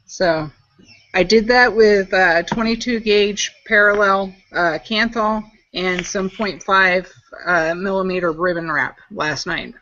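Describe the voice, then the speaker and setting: A bright, chatty woman talks through a hands-on build in a casual live-stream chat. Her voice comes over a dull, lo-fi call line, mid-pitched and upbeat. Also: slow. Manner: chatty, upbeat, explains as she works. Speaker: guest e-juice maker demonstrating coil builds.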